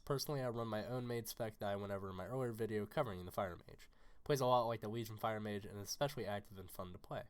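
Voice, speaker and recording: A man with a raspy, hoarse voice from being under the weather, giving a scripted game guide narration in a brisk, informative way. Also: lowish voice. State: hoarse from illness.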